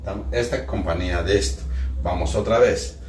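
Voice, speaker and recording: A man's voice: sits low, moderate pace, a little mellow, slight background noise. A man, a folk healer giving a patient short repeated commands during a hands-on treatment while explaining what he does. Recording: roomy room, mic at a distance.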